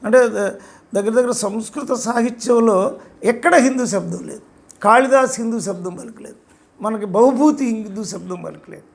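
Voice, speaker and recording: A man's voice: high-pitched, moderate pace, gravelly. An older man giving an emphatic, repetitive spoken lecture about his own book. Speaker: author discussing his book.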